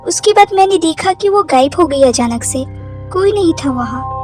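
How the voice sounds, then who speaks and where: A woman's voice: very high-pitched, expressive, normal speed. A young woman narrating a first-person cartoon horror story, jumpy and full of exclamations. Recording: loud background music.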